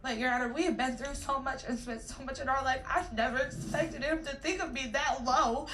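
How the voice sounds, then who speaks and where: A woman's voice: high voice, fairly even intonation, a little fast, a bit bright, a little hiss or hum. A woman pleading emotionally and tearfully before a judge in a courtroom recording played from a court show. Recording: echoey courtroom, voice from off-mic.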